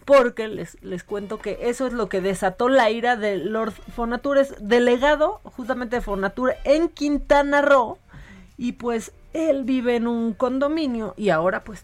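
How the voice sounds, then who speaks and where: A Mexican woman with a slightly high voice co-hosts a casual news chat. She talks in a wry, chatty way. Soft music plays faintly underneath. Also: moderate pace. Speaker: co-host.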